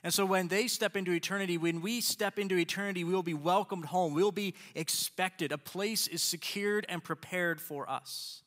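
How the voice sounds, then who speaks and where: A male pastor preaching a sermon in an earnest, emphatic manner, speeding up and slowing down for stress. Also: sits high, steady tone, a bit bright, big-room sound. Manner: earnest, emphatic, shifts between quick and slow.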